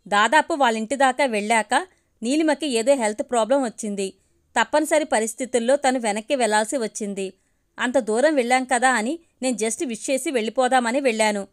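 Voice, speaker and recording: Woman reading as angry young student girl, fierce comebacks, kinda high voice. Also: close to an everyday voice. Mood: explaining. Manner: fierce, indignant retorts.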